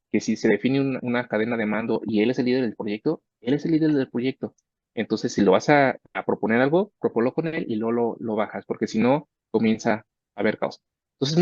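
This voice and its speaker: A man's voice: mid-range voice, no room sound. Man talking about mentoring students. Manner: conversational, acts out student dialogues. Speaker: research professor. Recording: dull, dry sound.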